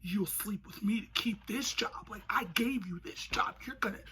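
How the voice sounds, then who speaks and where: A woman voicing a sleazy, menacing male boss in a husky, breathy voice while comically retelling a story. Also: medium pitch, moderate pace, pushed and bright, lightly acted.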